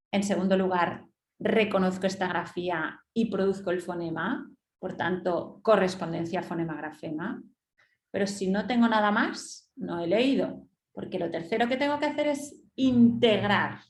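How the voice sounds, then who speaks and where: A woman's voice: mid-range voice, roomy sound. A woman leading an instructive webinar, explaining step by step and often checking in with her listeners. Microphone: webinar computer mic.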